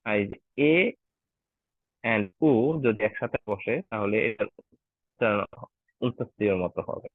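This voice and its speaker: Patiently teaching German online to Bengali speakers, a man often asks "ঠিক আছে?" to confirm they are keeping up. His lowish voice is steady and measured with long pauses, recorded as tinny, dry call audio without echo.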